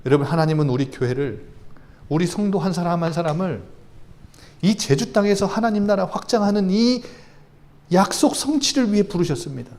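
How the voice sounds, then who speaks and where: A man's voice: high voice, brisk, dark tone. A man preaching a sermon as a pastor in a church, emphatic and conversational, with sudden rises in intensity.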